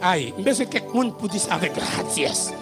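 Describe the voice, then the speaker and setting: Man, haitian accent, pastor, sermon, shouting and chanting, very high voice, loud music behind. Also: big pitch swings, moderate pace. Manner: shouting, chanting preacher with sung calls.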